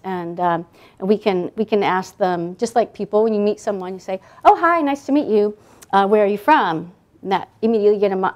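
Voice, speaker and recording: A woman's voice: medium pitch, a little mellow. A woman in her thirties, a guest author talking casually at a library event, rambling with many fillers and restarts. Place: library event room, indoors.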